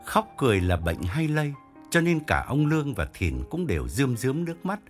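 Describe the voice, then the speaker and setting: A man narrating an audiobook story in an expressive way. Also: medium pitch, moderate pace, soft background music. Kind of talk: scripted narration.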